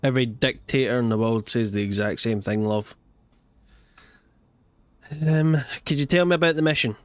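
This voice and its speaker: A man's voice: medium pitch, moderate pace, smooth, dry recording. Sarcastic man playing a game. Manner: sarcastic, blunt, talks back to characters. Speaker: gaming channel host. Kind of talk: let's play commentary.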